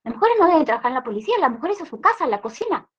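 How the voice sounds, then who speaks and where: A woman's voice: high voice, big pitch swings, racing, fairly bright tone, dull audio. A woman voicing a scornful, sexist male police colleague who scolds and dismisses a female officer.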